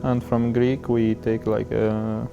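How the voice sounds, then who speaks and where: Gravelly-voiced young man. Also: lowish voice, monotone, muffled recording, over music. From Syria. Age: 20s. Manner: halting, searching for words with many fillers. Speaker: interviewee. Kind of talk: documentary interview.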